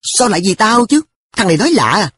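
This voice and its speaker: A man's voice: high-pitched, animated, quick pace, breathy edge, voice pushed up, heavily acted. A man voicing an earnest, hot-tempered schoolboy who talks in a pushy, exasperated way.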